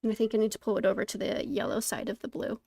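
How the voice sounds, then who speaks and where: Female art streamer, casual, mildly flustered, gravelly fry, close dry sound. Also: mid-range voice, steady tone, very fast, warm tone, dry recording. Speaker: streamer painting along to a tutorial. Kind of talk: casual live-stream chat, thinking aloud.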